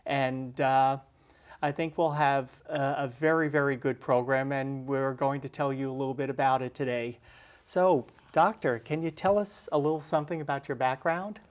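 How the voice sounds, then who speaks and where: A man introduces a guest on a local library program. He speaks politely, with pauses and fillers as he asks questions. His pitch sits in the middle range. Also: steady tone. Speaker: librarian and show host. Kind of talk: hosting an interview.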